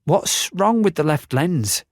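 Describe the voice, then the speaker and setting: A man voicing an excitable young boy apprentice in an audiobook, with eager, breathless exclamations. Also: on the high side, takes it slowly, no room sound, studio quality, pitched above the performer's own voice. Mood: excited. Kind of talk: audiobook character voice.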